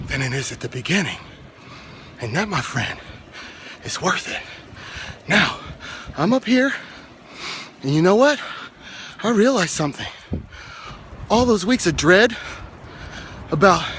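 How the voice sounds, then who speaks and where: A man's voice: sits high, poor audio. A man hosting a motivational vlog, winded as he climbs outdoor steps and talks encouragingly into his handheld phone. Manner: encouraging, talks to camera while climbing stairs. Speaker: vlog host. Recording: loud wind noise on phone mic.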